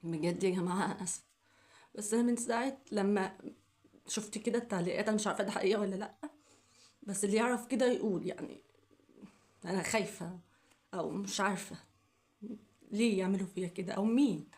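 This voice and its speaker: Young woman, Egyptian Arabic accent, emotional vlog, upset, repetitive pleading, rapid delivery. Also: mid-range voice, steady tone, darkish tone. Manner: upset, repeating herself, pleading questions. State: coughing fits, upset. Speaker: vlogger.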